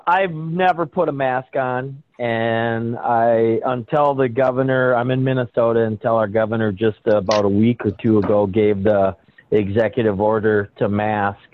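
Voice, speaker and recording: A man calling in and telling a personal story, animatedly acting out what other people said. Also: medium pitch. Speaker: caller. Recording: tinny phone line.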